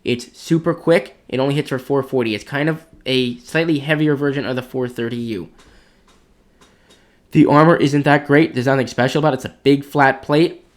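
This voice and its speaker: A man's voice: medium pitch, steady tone, moderate pace. A man giving blunt, opinionated commentary as he ranks tanks for competitive play, thinking aloud as he goes. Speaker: clan commander ranking tanks. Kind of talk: casual gaming commentary.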